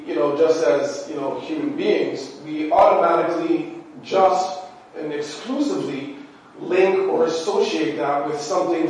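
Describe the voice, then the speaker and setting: Preaching in a church sanctuary, a man speaks in a chatty, conversational way, leaning heavily on "you know," his voice nasal and stuffy from allergies. It sits on the high side with a darkish tone. The recording catches him from far off in a very echoey church, with slight background noise.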